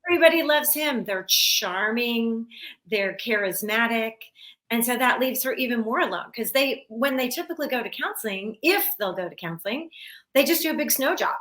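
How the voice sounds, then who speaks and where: A woman's voice: fairly high pitch, animated, moderate pace, fairly bright tone. A woman hosting an interview, talking in an engaged, conversational way and building on her guest's points. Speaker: interview host.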